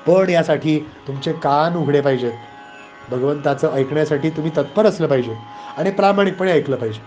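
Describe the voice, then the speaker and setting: A man with a Marathi accent giving a devotional scripture discourse, animated and conversational with moralizing asides. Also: on the high side, a little fast, lo-fi sound, soft background music. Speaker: spiritual storyteller.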